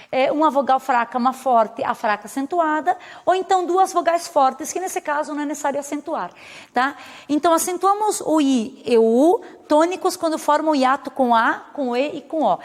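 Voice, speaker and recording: High-voiced woman teaching a lesson. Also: lively intonation, normal speed, in a large hall. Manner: patient, explanatory, checks in with "tá?". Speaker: Spanish teacher. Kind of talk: recorded video lesson.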